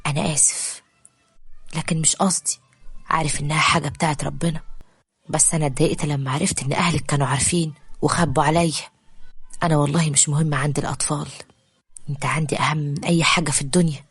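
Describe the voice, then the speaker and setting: A woman's voice: low-pitched, steady tone, fast, long pauses, slightly rough, no echo, heavily acted. A woman voicing a troubled young husband who speaks in a subdued way with an Egyptian Arabic accent. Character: troubled young husband torn over children.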